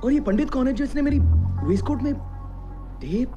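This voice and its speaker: Confused flustered young dude, high lively voice, music going. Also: male voice, moderate pace. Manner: confused, exasperated. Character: flustered young man caught up in a chase. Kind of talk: Hindi film dialogue.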